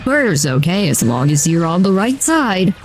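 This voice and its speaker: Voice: mid-range voice, normal speed, faint music behind. A streamer talking through a voice changer, chatting casually while playing a video game, with a loose, rambling delivery full of "uh" and "like". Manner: rambling, relaxed, with many "uh" and "like" fillers. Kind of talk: casual gameplay commentary.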